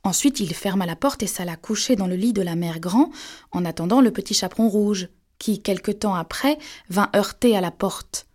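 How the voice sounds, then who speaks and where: A woman reading a classic fairy tale aloud in a measured, expressive way. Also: medium pitch. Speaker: storyteller.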